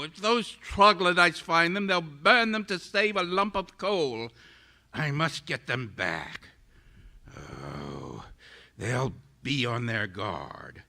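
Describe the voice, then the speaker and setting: Enraged invisible scientist, radio play, haughty and theatrical, sharp bright tone, wildly swooping pitch. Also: male voice, full character voice. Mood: scheming. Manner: haughty, theatrical, formal wording. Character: arrogant, enraged invisible man scientist, bitter and vengeful. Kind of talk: radio-style stage audio drama acting.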